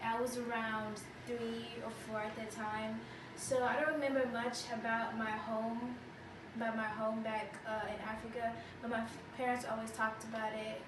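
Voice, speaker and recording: A soft-spoken young woman from Tanzania, answering hesitantly in a slightly high, flat voice. The recording is distant and echoey, with steady background noise. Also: moderate pace. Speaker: interviewee. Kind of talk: casual interview answers. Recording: echoey room, distant mic, noisy.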